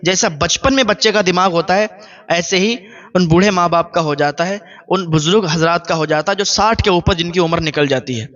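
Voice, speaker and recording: Forceful high-voiced male preacher. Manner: repetitive, earnest moral exhortation. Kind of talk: sermon with storytelling. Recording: dull, muffled recording.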